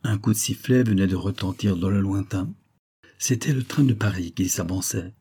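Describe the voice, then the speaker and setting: A man narrating a classic novel as an audiobook, in a steady, measured storytelling manner. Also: sits low, slightly rough.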